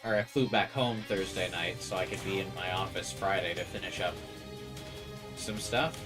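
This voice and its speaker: A man's voice: low voice, normal speed. A man chatting casually as he streams a video game. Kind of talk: casual chat while gaming. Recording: game music playing behind voice. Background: game music and audio.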